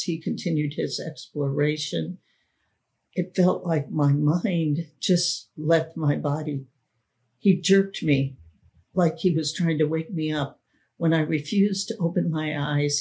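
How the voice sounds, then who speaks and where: A woman author and podcast host reading her own memoir aloud in a solemn, deliberate way. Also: sits low, darkish tone. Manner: slow, solemn, deliberate storytelling.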